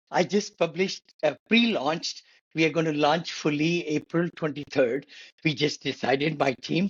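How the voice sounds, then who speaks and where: A man's voice: on the high side, slightly rough, highs cut off. A man in his seventies, co-hosting a casual podcast chat, enthusiastic and repeating words for emphasis. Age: 70s. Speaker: co-host.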